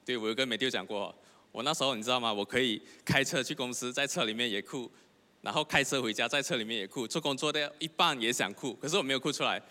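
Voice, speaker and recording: A man's voice: mid-range voice, fast talker, pushed and bright. A young man, preaching a sermon. He tells his own story earnestly and keeps asking the congregation questions. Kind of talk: sermon with personal testimony. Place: church hall. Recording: long hall reverb.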